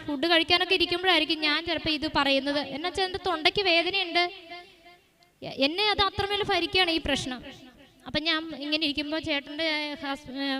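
A woman's voice: sits high, sharp tone. A woman gives an earnest, emotional church testimony, telling her story with frequent restarts. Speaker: testimony giver.

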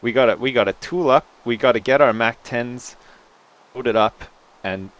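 A man's voice: mid-range voice, normal speed, a bit bright, lo-fi sound. A man co-hosting a gaming video with casual, jokey commentary, rambling, swearing and playing up the drama.

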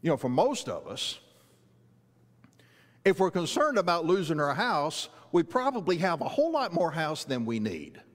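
Earnest preacher in a reverberant sanctuary. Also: male voice, fairly high pitch, sing-song, moderate pace. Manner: earnest, rising to emphatic rhetorical questions, walking the stage. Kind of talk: sermon. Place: large church sanctuary. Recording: long reverb of a church hall.

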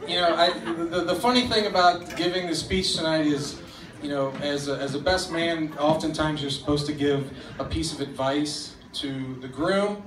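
Male best man, joking wedding toast, slightly high voice, halting and informal, picked up from far off. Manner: halting, informal delivery with repeated phrases. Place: evening wedding reception under string lights. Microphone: handheld microphone through PA, recorded by distant camera. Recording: distant, echoey event recording, loud crowd noise.

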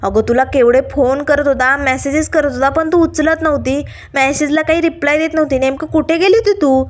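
Lady playing a nosy coworker, pushy questions, high voice. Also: fairly even intonation, close to an everyday voice. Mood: prying. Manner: prying, quick questions. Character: nosy young office colleague.

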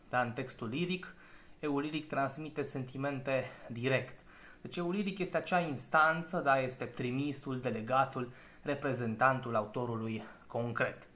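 A man teaching a literature lesson, explaining step by step, often checking understanding and pausing with fillers. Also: mid-range voice, a bit bright. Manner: explanatory, with frequent checking "da?" tags; frequent filler hesitations.

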